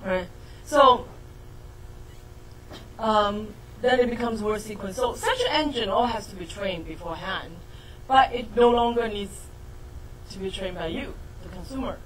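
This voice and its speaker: A middle-aged woman lectures to an audience in an explanatory way. Her voice sits at a medium pitch, and she fills pauses with uh and um. She corrects herself mid-sentence as she works through the ideas. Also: low-quality recording. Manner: explanatory, frequent fillers and self-corrections. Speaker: professor giving a talk. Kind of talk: lecture on speech technology.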